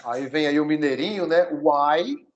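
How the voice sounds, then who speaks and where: A man from Brazil teaching a one-on-one English lesson, coaching his student and spelling words out slowly. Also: on the high side, dull audio.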